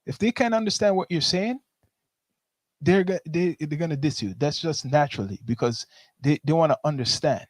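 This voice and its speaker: A man's voice: fairly high pitch, normal speed, no echo. A man with a Toronto slang accent in a casual discussion, explaining his points step by step and often checking in with "right?". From Toronto, Canada.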